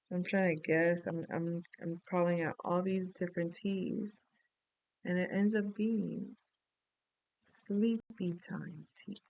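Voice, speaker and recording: A woman's voice: lowish voice, steady tone, slow pace, gravelly, a little mellow, no echo, poor audio. A middle-aged woman from the Dominican Republic, giving a casual spoken astrology reading and rambling through a story with many asides. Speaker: astrology and tarot reader.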